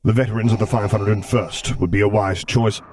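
A man voicing an imposing masked male dark lord who speaks in a slow, deliberate, rumbling way. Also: steady tone, a little hiss or hum, close to an everyday voice. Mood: commanding.

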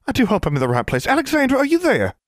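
A man's voice: very high voice, wildly swooping pitch, very fast, dry recording, studio quality, voice pushed up, full character voice. A man voicing an effusive seventeen-year-old witch girl with a lilting Southern US accent in an audiobook. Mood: gushing.

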